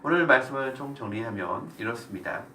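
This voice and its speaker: A man's voice: mid-range voice, expressive, brisk, pushed and bright. A man pastor leading a Bible study sermon, asking the group questions and explaining. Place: church room. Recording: echoey room, voice from a distance, faint noise.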